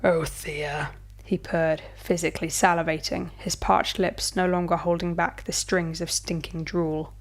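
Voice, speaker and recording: A woman storyteller giving a measured, dramatic scripted horror narration. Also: fairly low pitch, flat delivery.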